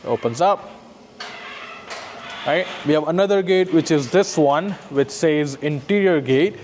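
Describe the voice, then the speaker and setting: Unhurried and a bit high, with a darkish tone and slight background noise, this installer's voice carries a laid-back demonstration through a residential building from lobby to parkade. He explains each step and habitually finishes with "right?"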